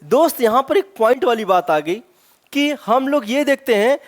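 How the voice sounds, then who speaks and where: With an extremely high pitch and an animated delivery, a male English teacher leads a grammar lesson for exam prep. He asks many rhetorical questions and stresses his example words, saying them slowly.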